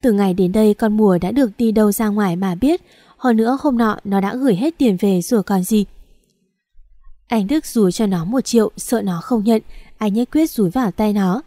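A woman narrating a story for an audiobook in a steady, even storytelling manner, close to the mic. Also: mid-range voice, normal speed, dry recording. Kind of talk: scripted narration.

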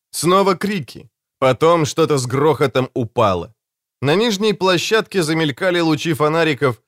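A male narrator reads an audiobook with dramatic storytelling. His mid-range voice moves in lively, animated swings of pitch. The studio sound is dry and close. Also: no echo. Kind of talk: scripted narration.

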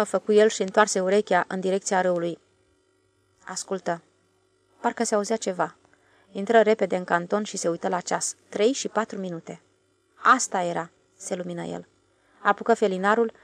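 Gravelly woman narrating an audiobook. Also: medium pitch, dry recording. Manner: steady, measured storytelling.

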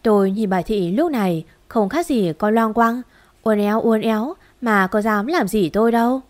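A woman narrating a first-person story, lively, moving between narration and the arguments of its figures. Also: medium pitch.

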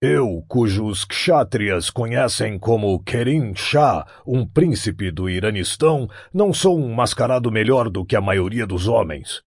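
A man voicing a worldly, cynical noble prince who speaks in a measured way. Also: fairly low pitch, expressive, a little mellow, breathy edge, no echo, clean studio sound, full character voice. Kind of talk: audiobook character voice.

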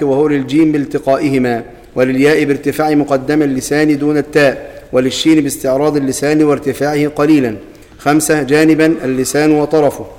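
A man's voice: a little high, darkish tone, long reverb tail. A man reading a lesson text aloud in formal Arabic, going through numbered points.

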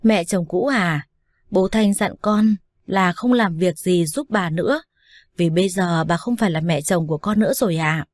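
Cheeky young wife read by a woman, mocking but calm, low-ish, dry sound. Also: normal speed, no echo, natural voice. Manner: calm, teasing, lightly mocking. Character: defiant young daughter-in-law, cheeky and unafraid.

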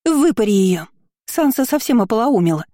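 Woman doing a squeaky spiteful young cousin. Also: sing-song, normal speed, warm tone, dry recording, studio quality. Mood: shrill spiteful. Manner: squeaky, shrieking. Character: spoiled shrill young woman, nasty cousin.

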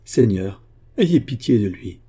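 A man's voice: medium pitch, moderate pace, dark tone, husky, voice pushed up, close to an everyday voice. A man voicing a desperate, breathless young woman pleading with her father. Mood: praying.

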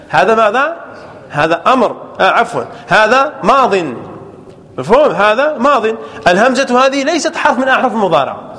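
A man's voice: very high-pitched, a bit bright, long reverb tail. A man teaching a grammar lesson, repeating words, correcting himself and checking often that his listeners understand.

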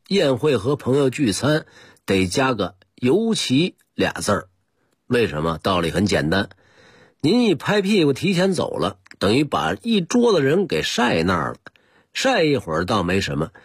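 A man's voice: mid-range voice, huge pitch swings, normal speed, breathy edge. A man presenting a scripted radio talk on old customs, in a chatty storytelling manner that speaks straight to the listener.

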